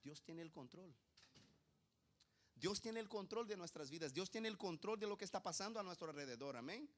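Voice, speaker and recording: A male pastor preaching a sermon, asking the congregation rhetorical questions and swinging from quiet asides to loud emphasis. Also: high voice, lively intonation, fast talker.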